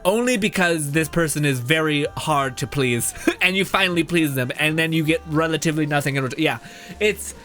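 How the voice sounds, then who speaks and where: A young man streaming live and chatting casually with his viewers. He talks loosely and swears a lot, laughs often, and sounds a bit hoarse. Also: on the high side, fairly quick, pushed and bright. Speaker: game streamer. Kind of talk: casual livestream chat, reading chat aloud.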